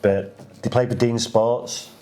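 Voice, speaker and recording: A man's voice: medium pitch, steady tone, slow, dark tone. A man in his forties, the assistant manager, giving plain, matter-of-fact answers in a casual podcast interview. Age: 40s.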